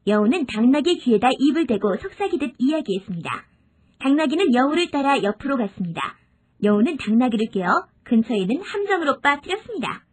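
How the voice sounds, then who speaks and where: A woman narrating children's fables in a lively, expressive storyteller manner. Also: high-pitched, a little fast, breathy edge.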